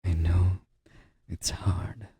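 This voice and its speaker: A man doing an ASMR role-play as a comforting boyfriend, speaking in a soft, breathy, intimate murmur with a husky, gravelly edge, close to the microphone. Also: deep voice, flat delivery, no echo. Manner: slow, gently reassuring boyfriend-style comforting.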